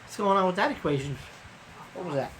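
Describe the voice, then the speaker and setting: A man's voice: sits high, lively intonation, fast talker, fairly bright tone, slight background noise, low-quality recording. A man hosting a casual live stream as a trucker, rambling loosely with lots of fillers and casual swearing, sleepy and yawning.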